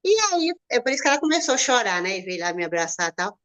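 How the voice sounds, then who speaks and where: A woman's voice: sing-song, fast talker, fairly bright tone. A woman with a Brazilian Portuguese accent, earnestly telling a personal testimony and acting out the voices of the people in it. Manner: earnest, acts out quoted voices with sudden jumps in pitch. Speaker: guest giving a testimony. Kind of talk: emotional personal storytelling.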